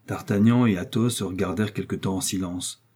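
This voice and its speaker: A man reading a classic novel aloud as narrator, in a calm, even way. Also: low-pitched, brisk, husky. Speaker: audiobook narrator.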